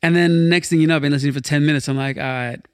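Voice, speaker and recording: A man's voice: on the high side, steady tone, racing, darkish tone, smooth, no echo, studio quality. A man hosting a music podcast in a casual, slangy chat style, swearing freely. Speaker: podcast host.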